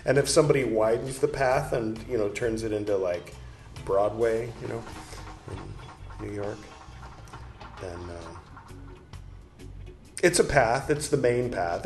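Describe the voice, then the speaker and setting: A man in a middle register reads from a book, then drifts into loose, joking commentary. He rambles and restarts often. The room around him is roomy and echoey, with faint music underneath. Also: medium pitch. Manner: rambling, jokey asides between read passages. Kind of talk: casual reading with commentary.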